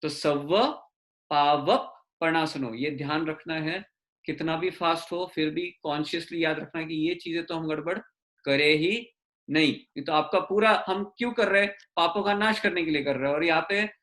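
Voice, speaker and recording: A man teaching an online class, mixing English into Hindi and slowly drawing out syllables to correct pronunciation. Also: fairly high pitch, steady tone, a bit bright. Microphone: video call.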